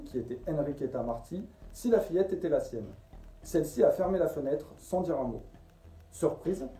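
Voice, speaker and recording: A man's voice: a little high, mellow. A man narrating a scripted true-crime story as a storyteller and host. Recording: roomy echo, distant from the mic.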